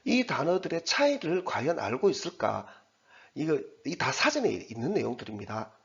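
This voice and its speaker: A man teaching English, going through an exam passage in a chatty way and reading the English words slowly. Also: a little high, wildly swooping pitch, creaky, muffled recording. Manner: chatty, repeats himself, reads English slowly word by word.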